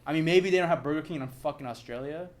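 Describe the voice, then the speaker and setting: A man's voice: fairly high pitch, quick pace. Profane, rambling young male podcaster. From Southern California. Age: young adult. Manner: loose, profane storytelling full of fillers. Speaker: podcast co-host. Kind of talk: casual chat.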